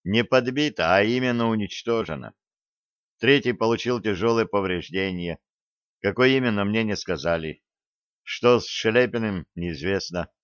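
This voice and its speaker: A man reading a hoarse, grieving army commissar. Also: fairly low pitch, moderate pace, dry recording, highs cut off, natural voice. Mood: lifeless. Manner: hoarse, clipped military speech. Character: grief-stricken male battalion commissar, stern. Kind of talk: audiobook character reading.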